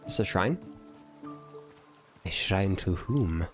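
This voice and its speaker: A man streaming a video game, talking casually and excitedly, swearing and saying bro. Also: sits low, slow, over music. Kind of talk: casual gaming commentary.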